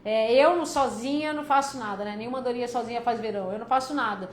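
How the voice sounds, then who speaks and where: This is a woman with a São Paulo accent and a high voice, hosting a relaxed live stream about getting out of debt. She talks to her viewers warmly and familiarly, joking as she answers their questions. Her voice rings in a reverberant room with a faint hum of noise behind it. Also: racing. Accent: São Paulo Brazilian Portuguese. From São Paulo, Brazil. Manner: chatty and joking, calls viewers "filha" and "cara".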